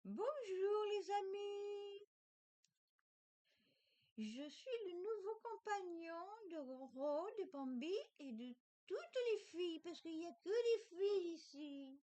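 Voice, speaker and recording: A chirpy, childlike little male toy companion, put on by a woman, gushing with adoration in a high, bright voice. He speaks unhurriedly and with a sweet, naive eagerness. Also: expressive, takes it slowly, heavily acted. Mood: cheerful.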